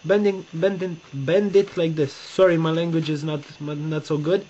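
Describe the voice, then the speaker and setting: A young native Romanian speaker with a Romanian accent sits on his bed at home, demonstrating folding step by step and pausing to find words. His voice is a little high and mellow, with fairly even intonation. It's captured close on a webcam, sounding dull and lo-fi with a faint hiss.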